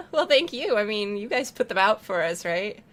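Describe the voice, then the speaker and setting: A woman's voice: mid-range voice, big pitch swings, measured pace, fairly bright tone. A woman streamer chatting casually while playing a game, rambling, swearing freely and laughing often. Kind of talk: casual chat while gaming.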